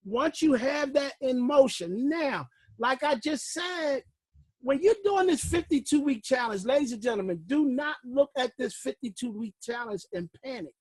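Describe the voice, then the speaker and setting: A fiery, preacher-like man with a high voice leads a class, booming out lines, then dropping to a low murmur. He sounds short of breath. The sound is close and dry, with no room around it. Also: expressive, moderate pace, husky, dry recording. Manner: fiery preacher-like delivery, swinging from loud shouts to low murmurs. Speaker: class leader. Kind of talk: motivational teaching call. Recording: recorded call.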